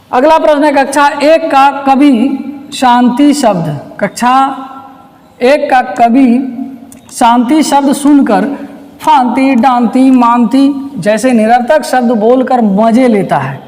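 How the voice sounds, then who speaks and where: A woman's voice: on the high side, warm tone. A woman teacher working through past exam questions step by step. She keeps asking a rhetorical question and answering it herself, and she repeats the key terms. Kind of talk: recorded lesson solving past exam questions. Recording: long reverb, echoey room.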